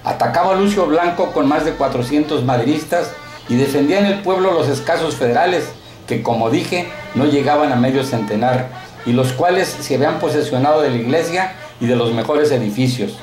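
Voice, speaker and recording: A man reading a short story aloud in a steady, colloquial narrating manner, recorded in an echoey room. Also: on the high side, fairly quick, faint music behind.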